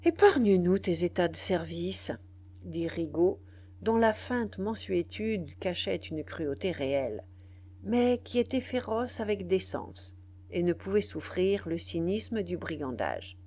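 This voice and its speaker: Expressive woman reading a classic novel. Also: on the low side, a little slow. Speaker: audiobook narrator. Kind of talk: audiobook narration of a classic novel.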